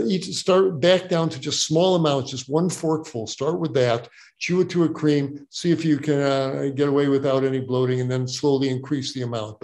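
A man's voice: medium pitch, a little mellow. An older man, a doctor, answering audience questions in a casual, joking way, often repeating words as he explains. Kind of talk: casual Q&A advice.

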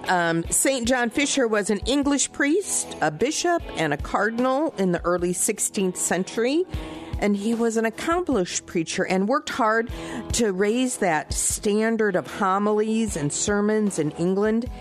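A woman's voice: medium pitch, expressive, a little slow, soft background music. A woman hosting morning radio, chatting and telling the story of a saint in a teasing, friendly way. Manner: chatty, teasing, tells stories. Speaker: radio show host.

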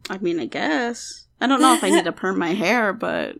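A young woman co-hosting a casual podcast, with a voice full of gravelly fry. She sounds laid-back and dry, and she laughs often. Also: medium pitch, animated, moderate pace, fairly bright tone. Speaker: podcast co-host. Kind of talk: casual chat.

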